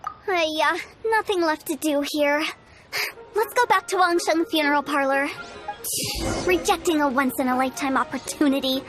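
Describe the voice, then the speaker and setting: A woman's voice: high-pitched, normal speed, a bit bright, faint music behind. A woman voicing a playful, scheming young funeral parlor director in a video game, with breezy, theatrical sales patter. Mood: confident, musing.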